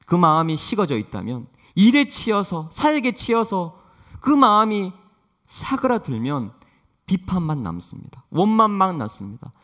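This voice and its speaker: High, lively-voiced preaching man. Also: moderate pace. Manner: earnest preaching with vivid storytelling, swinging between strong and soft delivery. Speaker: pastor. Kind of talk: sermon.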